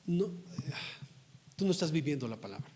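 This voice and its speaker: A middle-aged man preaching a sermon as pastor, emphatic and scolding, rising to forceful outbursts. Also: on the high side, sing-song, normal speed.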